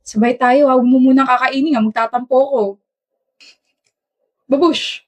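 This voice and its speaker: A woman's voice: sits high, steady tone, moderate pace. A woman acting out a romantic skit dialogue, playful and teasing, switching between Tagalog and English.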